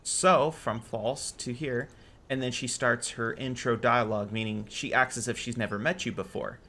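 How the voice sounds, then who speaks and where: A man hosting a casual game server tutorial, relaxed and correcting his own slips as he goes. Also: medium pitch, moderate pace. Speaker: game modding tutorial host. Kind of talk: casual screen-recorded tutorial.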